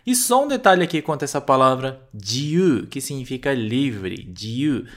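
A man's voice: medium pitch, big pitch swings, measured pace. A Brazilian man teaching Japanese vocabulary, explaining patiently and repeating words step by step while checking in with his listener. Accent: Brazilian Portuguese. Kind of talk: language lesson explanation.

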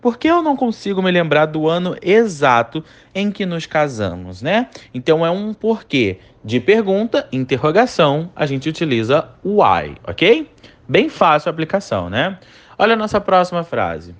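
Lively man teaching English. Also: fairly high pitch, normal speed. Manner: patient, explanatory, keeps checking in with "tá?". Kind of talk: online language lesson.

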